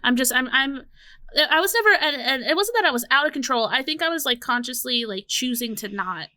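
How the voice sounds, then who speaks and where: A woman in her late twenties chats on a podcast in a bright, forceful, smooth voice that sits a little high. She thinks aloud and restarts phrases as she goes. The sound is dry and close. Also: expressive, brisk, dry recording. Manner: reflective, restarts phrases often. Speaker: podcast co-host. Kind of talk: casual chat.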